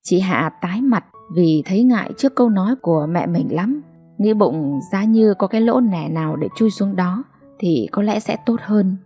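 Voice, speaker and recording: A woman's voice: mid-range voice, animated, moderate pace, mellow, soft background music. Woman narrating a late-night story. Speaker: audiobook narrator.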